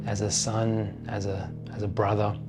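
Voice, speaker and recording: A man, musing slowly and thoughtfully in a personal vlog monologue. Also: on the low side, level tone, over music. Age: 40s. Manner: slow, thoughtful, pausing often. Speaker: vlogger.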